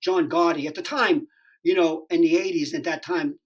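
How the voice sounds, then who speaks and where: Here a man's voice sits on the high side at normal speed, and the audio quality is poor. A comedian in his sixties, appearing on a podcast, tells a meandering, lively, swear-heavy story, constantly restarting and using fillers, in an easygoing interview.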